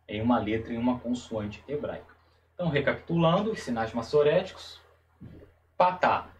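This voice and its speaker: A man giving a Hebrew lesson on video, slowly and carefully, repeating each term as he explains it. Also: mid-range voice, far from the mic, slight background noise, low-quality recording. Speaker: Hebrew teacher.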